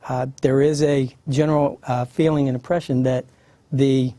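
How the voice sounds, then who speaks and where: A man in his fifties hosts a panel as its moderator. His voice is warm and mellow, recorded dry and close. He talks in a relaxed, conversational way, with plenty of fillers. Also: medium pitch, moderate pace, no echo. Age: 50s. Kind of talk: panel discussion.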